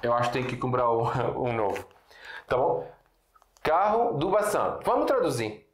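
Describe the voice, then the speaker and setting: A man from Syria, a native Arabic speaker, giving a casual video lesson at a board, explaining slowly with repeated examples and frequent check-ins. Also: medium pitch, very animated, slight background noise. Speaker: Arabic teacher. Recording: echoey room.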